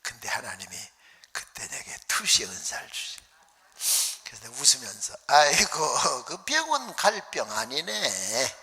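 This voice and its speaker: Animated preacher in a reverberant hall. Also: male voice, mid-range voice, unhurried, husky. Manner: animated storytelling, acting out voices, dropping to whispers. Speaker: pastor. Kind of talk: revival sermon storytelling. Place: church hall.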